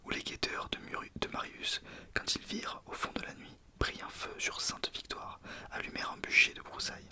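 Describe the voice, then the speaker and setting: A man reading in a soft ASMR whisper, informal, sometimes stumbling over words and correcting himself. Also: brisk. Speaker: ASMR video creator. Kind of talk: whispered ASMR book reading with casual asides.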